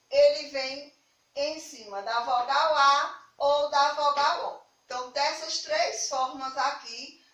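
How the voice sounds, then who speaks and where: A woman's voice: high-pitched, fairly bright tone, echoey room, distant mic, rough recording. A Brazilian woman teaching a remote lesson to young children, affectionate and patient, stressing key words. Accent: Brazilian Portuguese. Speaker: primary school teacher.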